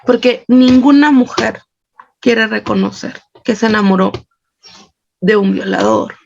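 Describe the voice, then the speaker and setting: A woman's voice: a little high, measured pace, creaky, slight background noise. A Mexican woman psychologist explaining in an interview, with a Mexican accent, speaking intensely and stressing points through repetition. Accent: Mexican Spanish. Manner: intense, emphatic, builds with repetition. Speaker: psychologist and feminist activist, interview guest. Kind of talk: earnest explanatory interview answers. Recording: dull lo-fi audio.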